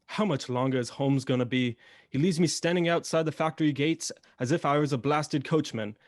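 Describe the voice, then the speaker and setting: Blustering gentleman doctor played by a male actor, dry sound. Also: on the high side, fairly quick, dry recording, lightly acted. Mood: fussy, concerned. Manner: blustering, old-fashioned gentlemanly phrasing. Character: Doctor Watson, blustering, indignant, kindly gentleman companion and storyteller. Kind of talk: radio drama acting.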